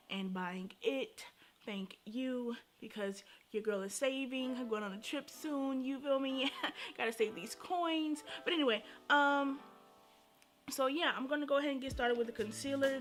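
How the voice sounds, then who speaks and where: High-pitched young woman with slight retainer lisp. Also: normal speed. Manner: sassy, playful, slangy. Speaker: beauty vlogger. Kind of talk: casual chatty first-impression makeup review. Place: indoors at home. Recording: music playing behind the voice.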